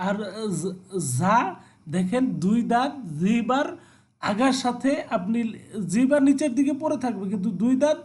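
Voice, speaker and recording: A man's voice: very high voice, moderate pace, darkish tone. A man teaching the Arabic letters in a video class, explaining step by step, repeating himself and checking in with his listeners. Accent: Bangladeshi Bengali. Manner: repetitive, instructive, checks with "ঠিক আছে?". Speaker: Quran teacher.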